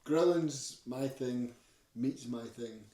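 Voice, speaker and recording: A young man talks casually with his partner in a vlog, bantering in a blokey, playfully cocky way. His voice sits at an average pitch and is picked up from a distance in a reverberant room. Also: slow pace, dark tone. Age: young adult. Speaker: vlogger in a couple's Q&A. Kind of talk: casual couple chat, bantering. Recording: echoey room, distant microphone.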